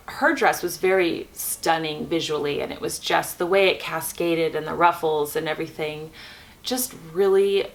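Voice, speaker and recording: A woman with a slightly low voice hosts a casual, chatty vlog. She talks freely and informally while keeping quiet, as one does at night with a baby asleep in the next room. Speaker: host of a chat vlog.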